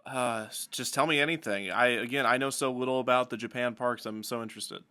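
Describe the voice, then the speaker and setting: A man's voice: medium pitch, fairly even intonation, brisk, pushed and bright, smooth. A man hosting a podcast, asking his guest loose, curious questions. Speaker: podcast host. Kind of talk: casual podcast interview.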